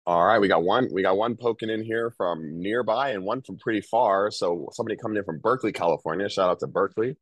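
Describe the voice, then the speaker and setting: A man's voice: lowish voice, quick pace, few pauses, dry recording. A man with a nasal voice from a cold, hosting a webinar in an upbeat, chatty way over a video call. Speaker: host. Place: home, calling in.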